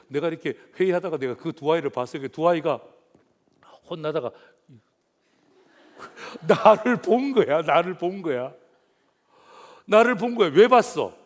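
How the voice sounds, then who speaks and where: A male pastor giving a sermon, telling a story with animation and putting questions to the congregation. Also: high voice.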